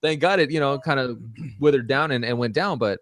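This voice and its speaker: A man's voice: medium pitch, brisk, crowd noise. A man hosting a casual podcast, telling a rambling story full of swearing and "dude". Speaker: podcast host. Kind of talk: casual chat.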